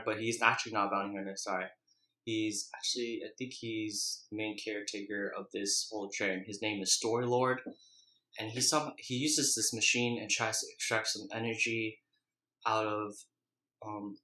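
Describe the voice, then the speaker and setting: A young man with a slightly low, bright and forceful voice talks through a casual recap. His delivery is rambling and hesitant, with colloquial phrasing and very little melody. He sounds like a vlogger speaking off the cuff. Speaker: vlogger reviewing a TV episode. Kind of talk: casual, unscripted episode recap. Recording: echoey, roomy sound.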